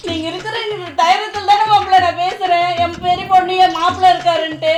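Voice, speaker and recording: A woman gives an indignant, tearful tirade as a mother-in-law in a comedy skit. Her voice sits very high and runs fast. The room is echoey, and music plays clearly underneath. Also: flat delivery. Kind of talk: scripted comic family quarrel.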